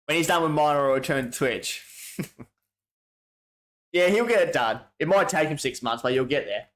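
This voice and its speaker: A man's voice: fairly high pitch, expressive, moderate pace, a bit bright. Australian man, stream host, casual slangy chat, rambling with restarts, answers chat messages. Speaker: livestream host.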